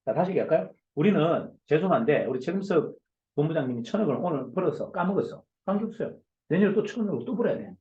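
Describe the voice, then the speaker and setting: A man, a company CEO, giving a forceful motivational lecture over a video call, loud and emphatic, firing off rhetorical questions. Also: a little high, expressive, fast talker, reverberant, lo-fi sound. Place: online video session.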